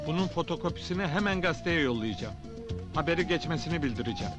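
A man's voice: on the high side, expressive, quick pace, over loud music, lightly acted. A man acting a middle-aged, earnest and headstrong newspaper reporter in a comedy film. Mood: determined.

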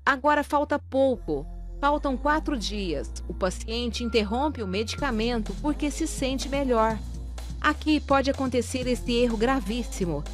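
A woman reading a scripted lesson for pharmacy assistants in a steady, even way. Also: on the high side, a little slow, soft background music. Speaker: course narrator. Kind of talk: scripted instructional narration.

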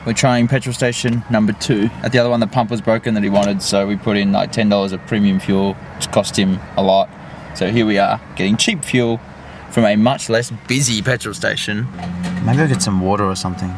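A man's voice: fairly low pitch, steady tone, fairly quick, background noise. A young man chatting casually and cheerfully in a travel vlog, filming himself at arm's length. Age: young adult. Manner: chatty, upbeat, laughs between remarks. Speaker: vlogger. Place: streets, car and house, in and out of doors. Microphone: camera held at arm's length.

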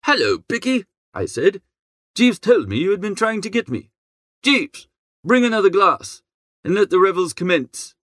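Playing an idle young gentleman telling his own tale, the man chatters breezily in dated, jaunty slang, his rather high voice darting about with plenty of life. This chatty first-person audiobook reading moves at a normal speed and has no echo, captured close and dry.

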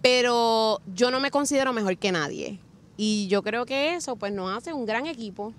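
A woman's voice: fairly high pitch, lively intonation, moderate pace, a little hiss or hum. A young woman in casual chat as a podcast guest, talking earnestly and expressively and acting out quotes.

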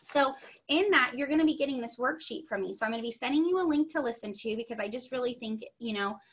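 A woman's voice: fairly high pitch, fast, husky. A young adult woman giving a chatty, upbeat online training session, full of asides, over a video call. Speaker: sales trainer.

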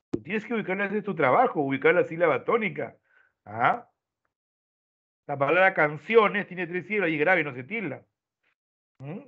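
Man, teacher, step-by-step explanations, lo-fi phone-line sound. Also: a little high. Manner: explains step by step, tags lines with "¿no?". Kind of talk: online class lecture. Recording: tinny phone-like online audio.

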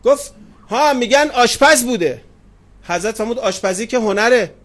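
Brief: high-pitched middle-aged male preacher telling stories in a sermon, affectionate with his listeners. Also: expressive, a bit bright. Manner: addresses listeners tenderly, retells anecdotes with quoted dialogue. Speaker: cleric preacher. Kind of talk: sermon with storytelling. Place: religious gathering hall.

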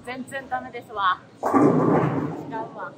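A woman's voice: a little high, a little slow. A young woman commenting frankly and self-critically on her own bowling practice, recorded by a camera on the floor of a large indoor bowling alley. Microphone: camera on the floor behind the lane. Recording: loud bowling alley noise behind. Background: rolling balls and pin crashes.

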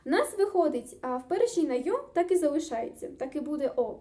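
A woman's voice: high-pitched, sing-song, quick pace, warm tone. A woman tutor teaching a grammar lesson, explaining step by step in an upbeat, encouraging way. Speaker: Spanish tutor.

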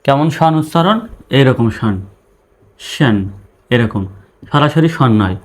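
A man teaching English pronunciation, spelling each word letter by letter and then saying it slowly in syllables. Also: mid-range voice, lively intonation.

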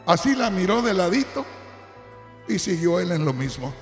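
A man pastor preaching a sermon in an animated way, shouting at peaks and speaking straight to the congregation. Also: high voice, moderate pace, roomy sound, in a large hall, faint music behind.

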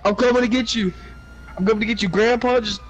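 A young man in casual gaming chat, excitable and urgent, swearing as he role-plays online. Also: very high-pitched, quick pace, lo-fi sound. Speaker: player in online role-play game.

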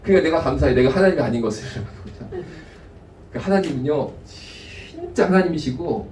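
A male pastor giving a lively sermon, acting out people's words in asides. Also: a little high, normal speed, echoey room, far from the mic, a little hiss or hum. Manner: animated preaching, voices God and people in asides. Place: church sanctuary.

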